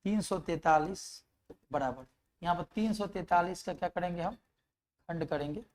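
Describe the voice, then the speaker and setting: A man's voice: sits high, moderate pace. A man teaching an exam-prep math lesson, explaining step by step, asking questions and answering them himself, and reciting numbers and tables aloud.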